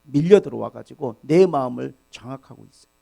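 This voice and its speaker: A man's voice: mid-range voice, animated, a little fast, creaky, dark tone. A male pastor preaching a Sunday sermon at a church service. He speaks earnestly and with emphasis, addresses the congregation directly and repeats key words.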